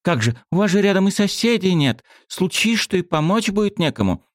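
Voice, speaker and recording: A man voicing a shy, excitable teenage girl who talks in eager, confiding bursts. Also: high voice, brisk, no room sound, clean studio sound, voice pushed up.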